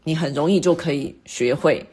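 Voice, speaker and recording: Woman, middle-aged, English lesson host, deep breathy voice, patient, slow repetition of example words. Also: darkish tone. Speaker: English teacher and podcast host. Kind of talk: explaining English word stress to listeners.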